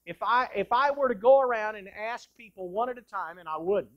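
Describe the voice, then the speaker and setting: A male pastor delivering an impassioned sermon in a church sanctuary, moving between loud bursts and hushed lines. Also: high voice, expressive, a little fast, dull audio.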